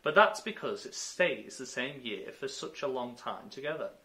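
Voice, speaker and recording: A man voicing a prim, polite young girl in a storybook reading, in a high, proper tone. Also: lively intonation, normal speed, sharp tone.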